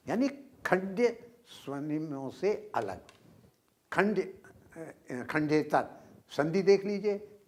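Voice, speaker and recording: An older male lecturer speaks very slowly and deliberately, in a somewhat raised pitch. He works through his points with drawn-out pauses. He stresses words to demonstrate his examples. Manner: slow and explanatory, with many drawn-out pauses. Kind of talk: recorded university lecture.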